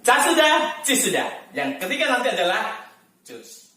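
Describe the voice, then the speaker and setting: A bright, high-voiced man leads a storytelling lesson in a chatty, laughing way, his pitch swinging up and down. He stands a little away from the mic, and the room rings with strong echo. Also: sing-song, normal speed. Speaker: storytelling teacher. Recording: echoey room from far off.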